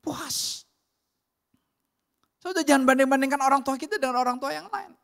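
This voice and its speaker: A man's voice: very high-pitched, normal speed, vocal fry. A man with an Indonesian accent preaching a conversational sermon to his congregation. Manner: animated storytelling with acted quotes. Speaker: pastor.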